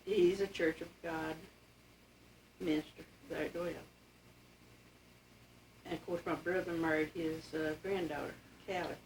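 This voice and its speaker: An elderly woman with an Appalachian accent and a fairly low voice. She talks in a plain, folksy, reminiscing way. The recording is faintly noisy, with the mic some distance off. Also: steady tone, unhurried, pauses often. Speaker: interviewee telling family history. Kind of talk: casual oral-history reminiscence.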